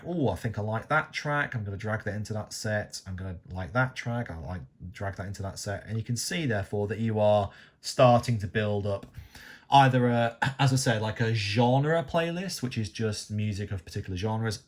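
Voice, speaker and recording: A man with a fairly low voice talks through a screen-recorded software tutorial. He is chatty and loose, rambling a little and checking in with the listener as he goes. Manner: chatty, rambling, lots of "you know" and "okay?". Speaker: DJ tutorial host.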